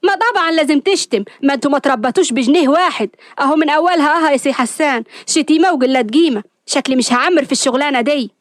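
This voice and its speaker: Woman voicing a stubborn young woman, high voice, rapid retorts, dry close sound. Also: no room sound, lightly acted. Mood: indignant. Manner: quick, emotional, teasing retorts. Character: spirited young woman, sharp-tongued and stubborn.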